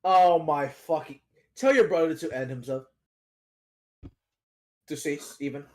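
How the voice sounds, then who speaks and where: A man's voice: on the high side, a little slow, a little mellow. A man chatting casually with friends during an online tabletop game, joking, swearing and giggling often.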